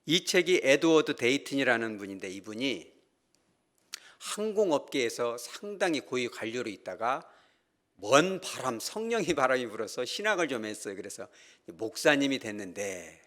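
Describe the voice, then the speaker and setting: A man's voice: medium pitch, normal speed. A middle-aged man preaching a sermon as pastor, telling stories with acted-out voices and asking the congregation questions. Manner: animated storytelling, acts out quoted characters.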